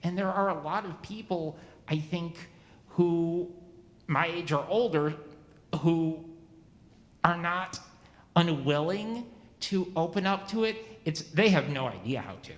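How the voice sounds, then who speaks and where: A man in his forties asking a new minister questions at a church meeting, halting and often restarting his sentences. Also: a little high, roomy sound, big-room sound. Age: 40s.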